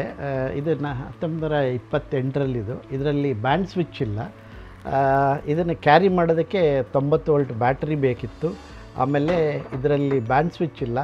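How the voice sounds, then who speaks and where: A middle-aged man from Karnataka, India, a radio collector and museum founder, gives an informal, explanatory guided talk while mixing in English words. His medium-pitched voice is a little mellow, and the dull lo-fi recording has music playing behind him.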